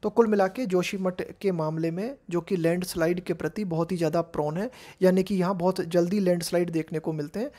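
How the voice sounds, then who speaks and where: An Indian woman teaching English, reading editorial phrases slowly and explaining each one in Hindi. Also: lowish voice, dark tone.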